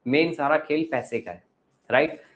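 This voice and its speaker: A man's voice: fairly high pitch, normal speed, fairly bright tone. A male teacher lecturing a class, asking the pupils questions and giving advice.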